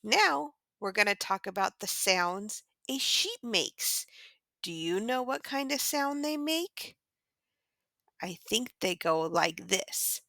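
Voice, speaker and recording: A woman's voice: mid-range voice, big pitch swings, slow pace, creaky, pushed and bright, dry recording, exaggerated voice. A woman voicing a cute, cheerful male pixie pig who hosts a children's farm-sounds lesson. She gushes over the animals and keeps encouraging the kids to join in. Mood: sweet, encouraging. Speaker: children's show host.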